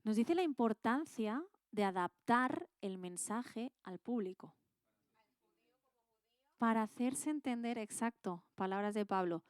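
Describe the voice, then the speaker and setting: A woman's voice: on the high side, lively intonation, slow, smooth, no echo, studio quality. A woman with an accent from Spain, teaching a Bible class in a casual, colloquial way and quizzing her students with questions.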